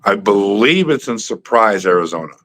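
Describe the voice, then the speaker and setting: Bright-toned joking stream host, man. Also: fairly low pitch, lively intonation, normal speed. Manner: joking, easygoing, thinks aloud. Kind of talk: casual chat.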